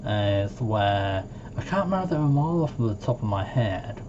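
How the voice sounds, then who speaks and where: A man telling stories in a casual, rambling vlog monologue, full of fillers, with jumps into a much higher voice when he quotes people. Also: very animated, moderate pace. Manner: rambling, heavy on fillers like "like" and "it's where". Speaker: storytime vlogger. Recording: dull lo-fi home recording with faint noise.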